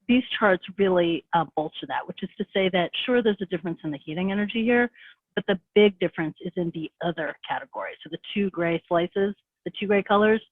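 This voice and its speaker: A woman giving a fast, casual presentation over a video call, full of fillers and restarts. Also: on the low side, dry recording. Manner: rapid, conversational, many fillers. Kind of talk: webinar presentation. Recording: tinny phone-like call audio.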